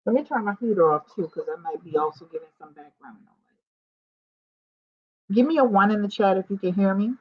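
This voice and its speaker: A woman's voice: medium pitch, brisk, pauses often, husky. A woman sounding boxed in, dull lo-fi audio. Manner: chatty, talks straight to viewers in the chat. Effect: muffled, boxy sound, as if speaking from inside a box. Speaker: tarot reader livestreaming to a chat. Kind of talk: casual livestream chat. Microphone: laptop or computer mic with audio trouble.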